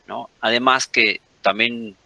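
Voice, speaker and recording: A man's voice: medium pitch, fairly even intonation, slow, creaky, sharp tone, no echo. A Mexican man in his forties, a guest in a conversational interview, rambling and often correcting himself mid-sentence. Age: 40s.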